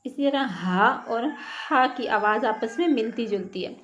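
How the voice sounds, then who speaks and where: A woman teaching Quran letter sounds, drilling syllables slowly one by one and then explaining how each is pronounced. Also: a little high. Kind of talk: slow recitation lesson. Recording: dull lo-fi online lesson audio.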